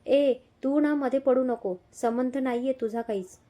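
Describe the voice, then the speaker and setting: A woman's voice: high voice, a little slow, warm tone. A woman voicing a short-tempered young husband who talks in snappish, irritable bursts in a read-aloud story. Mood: angry. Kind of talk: audio story reading.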